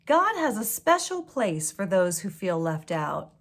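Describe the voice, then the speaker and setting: A woman voicing a kind, friendly old cow in a children's storybook, gentle and reassuring. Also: medium pitch, very animated, a little slow. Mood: gentle comfort.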